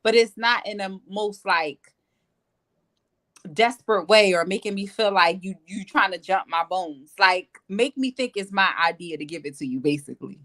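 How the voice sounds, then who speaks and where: Relaxed woman co-host, lots of "like". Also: mid-range voice, normal speed. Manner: relaxed, filler-heavy with "like". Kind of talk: casual chat.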